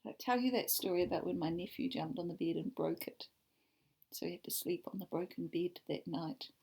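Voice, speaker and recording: A woman's voice: on the low side, a little fast, creaky, husky. A woman, an ESOL teacher reading a picture book aloud and asking her students questions about it. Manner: warm questioning, asks the class about the pictures.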